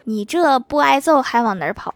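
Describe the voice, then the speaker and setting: A woman's voice: high-pitched, lively intonation, a little fast, slight background noise. A woman hosting a comedy podcast, reading out jokes and chuckling at her own punchlines. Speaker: host.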